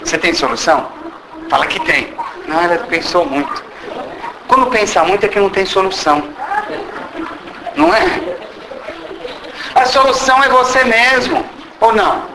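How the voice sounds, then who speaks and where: A man's voice: high voice, expressive, normal speed, creaky, pauses often. A man with a Brazilian Portuguese accent giving an informal spiritual lecture, teasing and questioning the audience and acting out little dialogues. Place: meeting hall. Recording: roomy hall with background noise.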